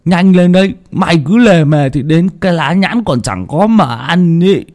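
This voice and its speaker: A man puts on a chubby, loud-mouthed village boy. The voice sits high and jumps around a lot, always bellowing and full of cheek, like a kid yelling from the lane. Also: animated, normal speed. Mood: impatient. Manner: shouty, cheeky, laughing.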